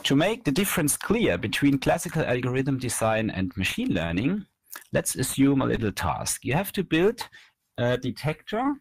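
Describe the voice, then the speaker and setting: A researcher in his thirties gives a technical slide lecture for a conference, explaining things step by step into a headset mic. His mid-range voice has vocal fry, and the talk is recorded over webcam in an indoor room with no echo.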